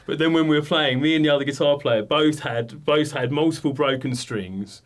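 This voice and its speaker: A man's voice: fairly high pitch, normal speed. A man in his forties from England, a guitarist telling stories about playing live in a rambling, self-deprecating way, full of "like" and "you know". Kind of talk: relaxed interview storytelling.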